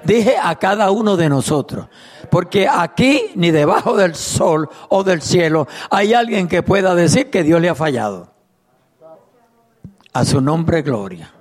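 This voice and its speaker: A middle-aged male pastor delivers a fervent sermon in a notably high voice. He preaches at an unhurried, drawn-out pace, reads scripture aloud and calls out praise to the congregation between points. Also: expressive.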